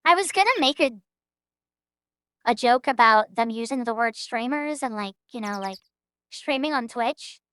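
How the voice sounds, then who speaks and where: High-voiced woman streamer joking. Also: lively intonation, normal speed, fairly bright tone, a little hiss or hum. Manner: joking, profane. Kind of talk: casual game commentary.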